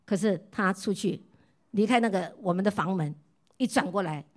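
A middle-aged woman from Taiwan preaches a sermon mixed with her own testimony. She keeps asking her listeners questions, and her voice often drops soft and quiet as she tells her stories. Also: mid-range voice, normal speed. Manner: asks the listeners repeated questions. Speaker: pastor's wife preaching.

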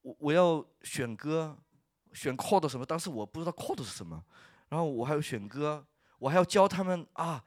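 A man, a worship leader, giving an earnest church testimony, telling his story with laughs and halting restarts. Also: on the high side, lively intonation, no echo, clean studio sound.

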